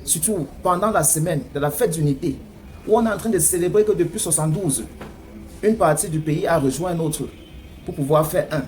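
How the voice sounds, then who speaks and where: A news commentator with a Cameroonian French accent delivers emphatic political commentary packed with rhetorical questions. His voice is fairly high, fairly quick and a little mellow, and background noise comes through clearly.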